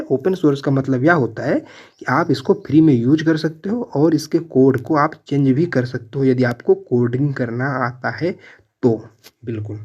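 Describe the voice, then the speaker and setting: A man's voice: mid-range voice, darkish tone, highs cut off. A man teaching an exam-prep lesson in quiz style. He reads out each question and its options, then says the answer again and again and calls his listeners friends. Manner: asks each question, then repeats the answer several times; addresses viewers as friends.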